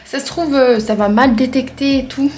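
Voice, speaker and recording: A woman's voice: sits high, steady tone, normal speed, a little mellow, slight background noise. A young woman chatting casually through a vlog, giving self-mocking commentary as she tries things out at home. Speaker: vlogger testing tips. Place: at home, later a bathroom. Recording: roomy room with faint music.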